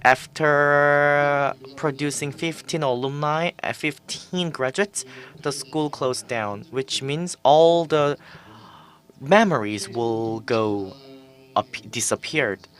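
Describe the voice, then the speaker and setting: A man presenting at an online forum, speaking haltingly with fillers and restarts. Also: on the high side, a bit bright. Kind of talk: conference presentation in English. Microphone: webinar microphone.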